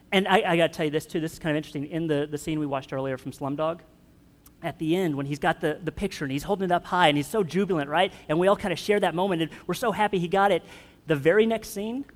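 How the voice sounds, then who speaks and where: A man preaches a relaxed, joking sermon and asks his congregation easy questions. His voice sits a bit high for a man. The sound trails off in the long reverb of a church hall. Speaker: pastor.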